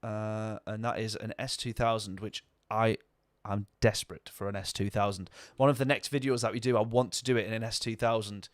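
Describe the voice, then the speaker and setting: A man's voice: on the low side, fairly even intonation, a little fast, hardly any pauses, no room sound, clean studio sound. A man talking casually over a racing game stream, rambling and answering viewer chat. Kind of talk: casual gameplay commentary.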